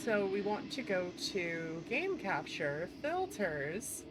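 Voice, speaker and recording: A woman hosts a livestream as a VTuber, playful and chatty as she greets and thanks her viewers. Her medium-pitched voice has a sing-song lilt, and she takes her time over background music.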